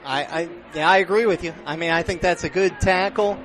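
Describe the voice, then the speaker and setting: A man calls live play-by-play of a football game as a radio announcer, close on the mic at an outdoor stadium. His high voice moves a little fast, with clear stadium noise in the background.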